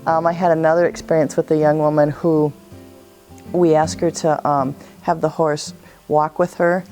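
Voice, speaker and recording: Brief: earnest woman therapist, low mellow voice, soft guitar underneath. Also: level tone, normal speed. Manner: earnest, reflective, storytelling with quoted dialogue. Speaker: equine therapist. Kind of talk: explanatory interview talk.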